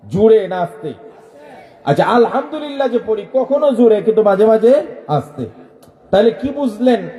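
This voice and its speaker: Male preacher, high mellow voice, calls out to the crowd, echoey loudspeaker sound. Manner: calls out to the crowd and leads them in loud chants; swings from low talk to shouting. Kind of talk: Islamic sermon to a crowd.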